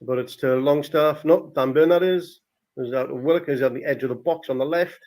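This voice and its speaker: Brisk and darkish in tone, this man's medium-pitched voice belongs to a podcast host running a live football watchalong. He reacts to the action in real time with partisan, casual remarks and exclamations.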